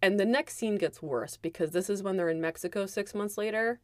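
A woman co-hosting a podcast, recapping a movie in animated, profane casual chat. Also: mid-range voice, brisk, dry recording, clean studio sound. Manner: animated, profane, emphatic storytelling. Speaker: podcast co-host.

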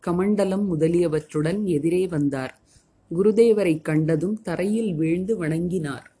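A woman narrates a devotional text in a calm, measured reading. Her delivery is unhurried and her tone is soft and dark, with a slightly husky edge. She sits a little low in her range.

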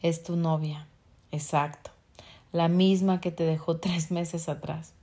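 Woman reader, warm mellow voice, reads self-help text aloud, corrects her own slips. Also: sits low, steady tone. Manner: unhurried reading with small slips and self-corrections. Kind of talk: reading a book aloud.

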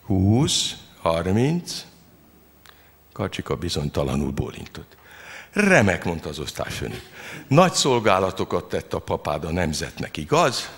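Deep gravelly guy reading his funny story out loud, deadpan but his voice jumps around a lot. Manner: deadpan, dry storytelling with lively pitch. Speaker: reader of his own humorous story. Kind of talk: reading a satirical story aloud.

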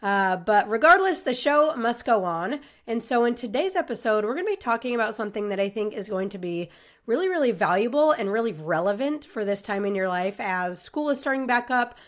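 A woman's voice: a little high, animated, fairly quick. A woman with a stuffy, congested voice hosting a motivational podcast, talking in an upbeat, encouraging way with filler words. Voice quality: nasal and stuffy. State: sick and congested. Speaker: podcast host and coach.

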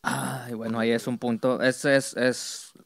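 A man's voice: mid-range voice, level tone, measured pace, creaky, no room sound. A man with a Mexican accent hosting a podcast, talking in an easygoing way with hesitant restarts. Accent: Mexican Spanish. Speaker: podcast host. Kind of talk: casual chat.

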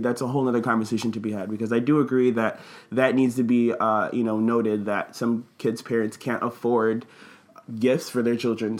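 A man who works at a school, telling a casual story in a rambling, earnest way with many fillers. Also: mid-range voice. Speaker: school staff member.

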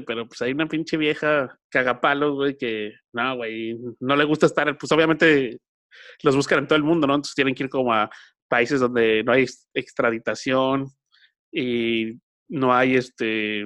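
A man with a Mexican accent chatting casually as a podcast co-host, full of slang and putting on quick voices in quotes. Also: mid-range voice, a bit bright. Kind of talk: casual chat.

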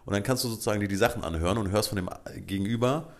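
Low-voiced joking male podcast co-host. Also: racing. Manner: joking, teasing, playful asides. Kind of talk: casual chat.

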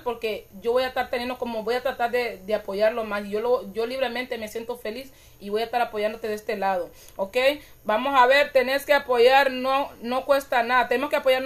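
A woman hosting a casual live-stream chat, reading viewer comments aloud and calling her audience "mi gente", with laughter at her own slips. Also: high voice.

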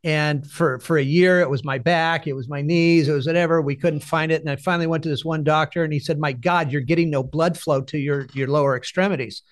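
A male podcast host telling a story bluntly, with profanity and animated emphasis. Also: on the high side, a little fast, hardly any pauses. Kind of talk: conversational podcast interview.

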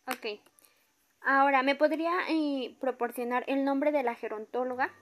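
A high-pitched female official with a Mexican accent , acted by a woman in a role-play. She has a formal, courteous customer service voice. She asks things politely and procedurally. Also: fairly even intonation, normal speed, fairly bright tone.

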